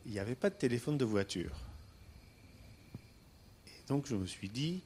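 A man from Istanbul telling his own life story on stage, hesitant with many pauses and fillers. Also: medium pitch, sing-song, a little mellow, slight background noise. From Istanbul, Turkey. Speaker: guest speaker.

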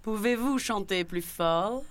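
A woman voicing a sly, flattering fox in a storybook tale, speaking in a honeyed tone. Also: mid-range voice, slow pace, voice pushed up, close to an everyday voice. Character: sly, smooth-talking male fox.

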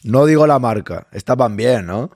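Hoarse host chatting on a live stream. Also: male voice, medium pitch, lively intonation, moderate pace, darkish tone, dry recording, clean studio sound. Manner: chatty, greets listeners by name, reassuring. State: hoarse, losing his voice. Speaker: podcast host reading live chat. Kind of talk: casual live-stream chat.

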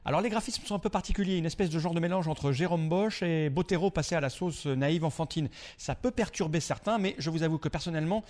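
A man's voice: fairly high pitch, fast talker, few pauses, darkish tone. Chatty man reviewing a board game. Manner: chatty, explanatory, addresses host directly. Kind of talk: scripted review segment.

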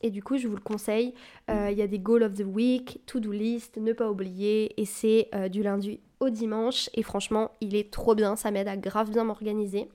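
A woman's voice: medium pitch, flat delivery, normal speed, mellow. A young woman hosting her own podcast from home into a desk mic, chatting casually and encouragingly, with loose phrasing and plenty of fillers. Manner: chatty, loose, with many fillers and English buzzwords; self-described anxious, encouraging tone. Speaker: podcast host. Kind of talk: casual solo podcast chat. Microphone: desk mic on a boom arm.

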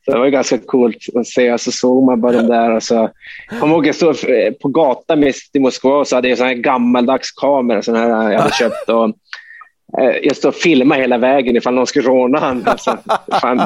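A man's voice: mid-range voice, fairly even intonation, a little mellow. A man, a hockey player as guest, telling anecdotes in a loose, chatty way with frequent swearing. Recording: dry, slightly dull recording.

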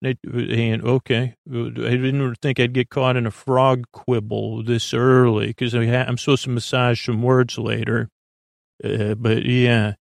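This rambling bedtime monologue comes from a middle-aged sleep podcast host whose creaky, mid-range voice has little pitch movement and a measured pace. He wanders through tangents, self-interrupting with many uhs and restarts, and there's no echo.

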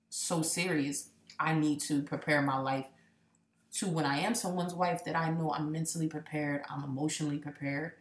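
Low-voiced woman in her late twenties. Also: echoey room. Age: late 20s. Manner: candid, reflective, jokey. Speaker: podcast co-host. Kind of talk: casual chat.

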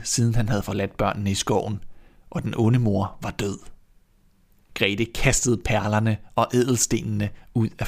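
A man reading a fairy tale aloud in a measured, expressive narrating manner, as host of a storytelling podcast. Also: fairly low pitch, creaky.

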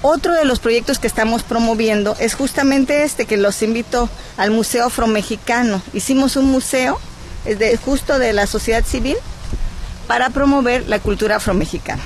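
A cultural advocate from Guerrero speaks with a Mexican accent as a guest on a radio interview, her voice on the high side and her pace moderate. She argues her case earnestly and persuasively, often pausing on "eh" hesitations. A little hiss or hum runs under the recording.

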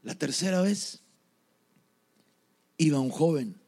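A man's voice: fairly high pitch, expressive, slow, vocal fry, dark tone. A man preaching a sermon, telling stories and speaking to the congregation. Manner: storytelling, addresses the congregation. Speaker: pastor.

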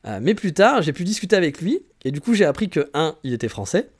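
Fast-talking casual French podcast man. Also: fairly high pitch, sing-song. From France. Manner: slangy, chatty, frequent fillers and restarts. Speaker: podcast host. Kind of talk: casual storytelling monologue.

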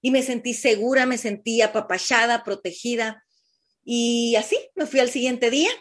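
A middle-aged woman with a Mexican Spanish accent telling the listeners her personal cancer story in a heartfelt, halting way. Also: on the high side. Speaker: breast cancer patient sharing her story. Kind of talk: emotional personal testimony.

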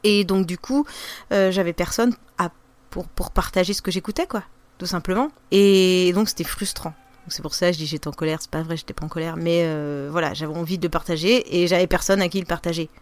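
A woman's voice: on the low side, brisk, no echo. A woman, a podcaster, with a regional French accent, chatting loosely in an interview with lots of fillers and restarts. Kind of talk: casual interview chat.

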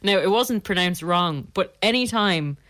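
A woman's voice: lowish voice, animated, a little slow, a bit bright, no room sound, clean studio sound. An Irish woman co-hosting a radio show, chatting casually and laughing often. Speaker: radio co-host.

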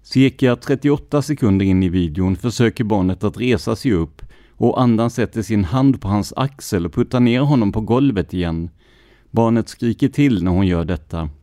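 Dark-voiced man narrating true crime. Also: on the low side, no room sound, studio quality. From Sweden. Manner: measured, even reading of police records. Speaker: true crime podcast host. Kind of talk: scripted narration.

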